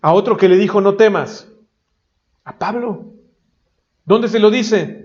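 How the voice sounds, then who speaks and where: Male pastor, fervent sermon delivery, high voice, muffled audio. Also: slow. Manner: emphatic, rising to loud high-pitched exhortation. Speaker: preacher. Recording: dull lo-fi recording.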